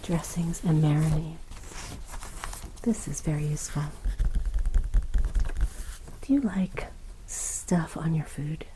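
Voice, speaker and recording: Whispering ASMR woman, slow and hushed. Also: deep voice. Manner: slow, hushed, murmuring commentary while reading items aloud. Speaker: ASMR video host. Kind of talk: soft-spoken ASMR, mostly whispered, browsing recipes. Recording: close recording with clear background noise.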